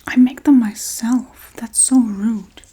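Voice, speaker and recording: In a soft-spoken ASMR role-play, a woman plays a quirky Halloween witch casually preparing a human sacrifice, unhurried, chatty, matter-of-fact and politely menacing. Her voice is a little high, steady, exaggerated and breathy, mostly whispered.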